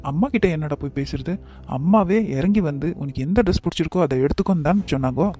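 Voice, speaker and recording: A man voicing an anxious, sulky young groom-to-be in a cartoon, speaking in quick, hurt complaints. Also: fairly high pitch, dark tone, soft background music, lightly acted. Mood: upset. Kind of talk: cartoon voice acting.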